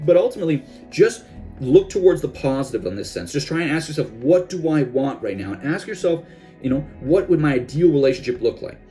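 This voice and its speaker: A man's voice: fairly high pitch, big pitch swings, brisk, warm tone, soft background music. A young man, a self-help coach, giving a casual instructional talk and now and then dropping into gloomy voices of the listener's thoughts.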